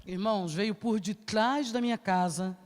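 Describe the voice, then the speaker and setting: A woman with a Brazilian accent telling a testimony in church, animated and acting out the scene. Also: mid-range voice, measured pace. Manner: animated, acts out the scene with laughs. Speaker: church speaker. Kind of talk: lively testimony storytelling. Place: church sanctuary. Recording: church hall reverb.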